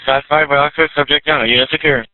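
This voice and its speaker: A man's voice: a little high, steady tone, rapid-fire, dry recording. A man working as a police dispatcher, reading back calls in clipped radio phrases over a police radio channel. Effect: police radio transmission. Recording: narrowband police radio with faint static.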